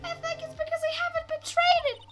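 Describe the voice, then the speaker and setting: A player doing a squeaky young spirit medium girl. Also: monotone, a little fast, music in the background. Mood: earnest. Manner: apologetic, earnest.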